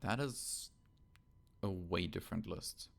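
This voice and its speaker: A man with a low, gravelly voice talks casually about a tabletop game, full of ums and hesitations as he thinks aloud. His deep tone is rough with fry, and the home recording is rough. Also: slow. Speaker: podcast co-host.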